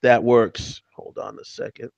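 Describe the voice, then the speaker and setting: A man hosting a casual live-stream interview over a video call, his audio choppy and lo-fi from a bad connection, talking in a halting way with many fillers. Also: mid-range voice, flat delivery, creaky, no echo. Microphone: video call from a backup laptop.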